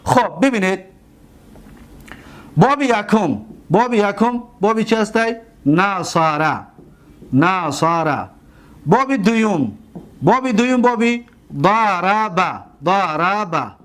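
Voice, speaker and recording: A man with a Tajik accent leads a grammar lesson in a fairly high voice. He drills verb forms slowly and keeps quizzing the class with short questions. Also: expressive, a bit bright. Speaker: teacher of Arabic grammar.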